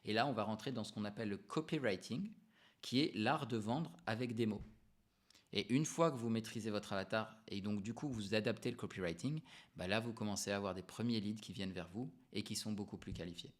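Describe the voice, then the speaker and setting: A man coaching entrepreneurs to camera in a relaxed, unscripted way, explaining ideas with emphatic repetitions and frequent hesitations. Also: on the low side, brisk. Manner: frequent hesitations and self-corrections. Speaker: business coach.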